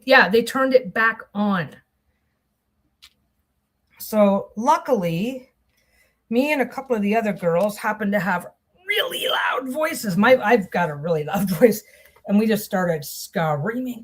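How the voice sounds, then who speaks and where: Sewing on camera, a vlogger talks casually in a slightly high, expressive voice, taking her time, with a slightly rough sound. Her storytelling meanders, full of restarts, self-interruptions and distracted comments about the sewing.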